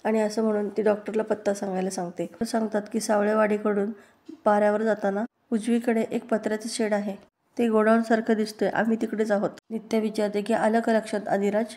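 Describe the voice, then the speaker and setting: A woman narrating a TV serial recap voice-over in a steady, even storytelling manner. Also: mid-range voice, fairly quick.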